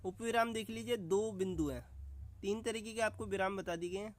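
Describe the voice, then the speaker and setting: A man's voice: sits high, fairly quick. A man teaching an online exam-prep lesson, calling his viewers friends and explaining with examples.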